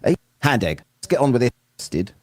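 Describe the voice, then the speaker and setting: A man's voice: mid-range voice, big pitch swings, moderate pace, noisy background. A man hosting a live stream, chatting casually and greeting viewers one by one. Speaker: livestream host reacting to a debate video.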